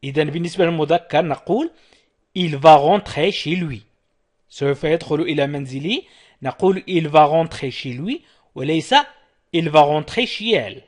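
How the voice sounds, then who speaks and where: A man teaching French to beginners, slowly repeating words with careful, deliberate pronunciation. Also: on the high side, darkish tone. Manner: slow, deliberate pronunciation drills. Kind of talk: slow language lesson with repetition.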